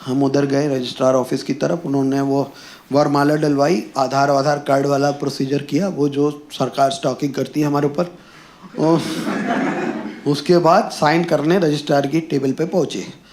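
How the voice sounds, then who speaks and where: A middle-aged man doing a stand-up comedy set, telling animated stories and mimicking people with loud outbursts. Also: fairly high pitch, moderate pace. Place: comedy venue with live audience. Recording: echoey room with background noise.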